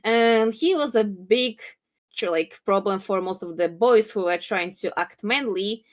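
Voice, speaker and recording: A woman's voice: medium pitch, unhurried. A young woman with a Russian accent, telling stories casually and bluntly in informal speech. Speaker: viewer telling a story on a call-in show. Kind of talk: casual storytelling.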